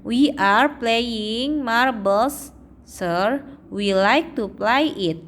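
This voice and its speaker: A young adult woman teaching English to children, drawing out example phrases slowly and checking in often. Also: a little high, a bit bright. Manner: slow, drawn-out reading of English phrases, frequent "ya" checks. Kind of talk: explaining English lesson to children.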